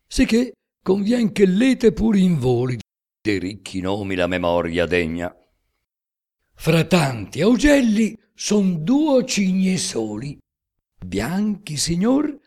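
A man recites epic poetry in a slow, declamatory style. His deep voice swings through wide, dramatic rises and falls. He lingers on each line. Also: darkish tone. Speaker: reader.

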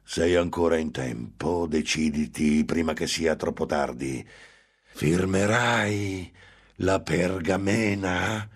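A man voicing a gloating, impatient male demon who tempts a monk, drawing out his words slowly and menacingly. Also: low voice, slightly rough, exaggerated voice. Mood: taunting. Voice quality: slow, drawn-out menacing delivery.

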